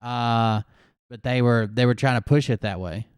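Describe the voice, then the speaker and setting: A man hosting a casual commentary chat, explaining calmly and skeptically, with an occasional swear word. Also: mid-range voice, normal speed, clear, resonant tone, no echo, studio quality.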